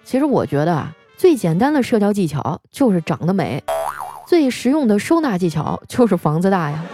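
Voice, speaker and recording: A young woman, telling comic stories as a radio host in a wry, deadpan way and playfully voicing the people she quotes. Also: mid-range voice, a little fast, music in the background. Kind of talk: comic storytelling monologue.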